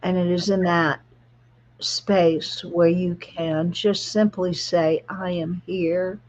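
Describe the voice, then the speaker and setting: A woman spiritual guide leading a guided relaxation meditation in a soft, soothing, spa-like manner. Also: on the low side, steady tone, dull audio. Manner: soft, soothing, slow-paced spa-like delivery.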